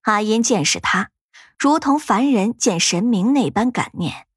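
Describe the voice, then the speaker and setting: A woman narrator with a fairly high, breathy voice that moves lively through her range. She tells a ghost tale dramatically, with faint music underneath. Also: measured pace, no echo, clean studio sound. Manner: expressive, dramatic storytelling. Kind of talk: storytelling narration.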